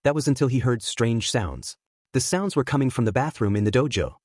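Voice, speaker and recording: A man narrating a fanfiction story in a steady, plain reading voice. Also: medium pitch, fairly quick, no room sound, clean studio sound. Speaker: fanfiction reader.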